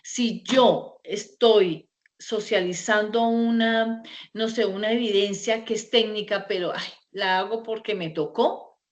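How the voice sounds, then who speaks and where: A woman's voice: medium pitch, fairly even intonation, takes it slowly. A woman teaching an online class over a video call, conversational, with many fillers and rhetorical checks.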